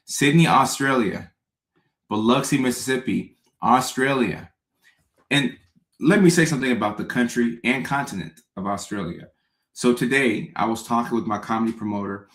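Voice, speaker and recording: Greeting live-stream viewers by name and frequently repeating himself, this comedian from Ghana keeps things casual. He has a lowish, fairly bright voice, recorded in an echoey room.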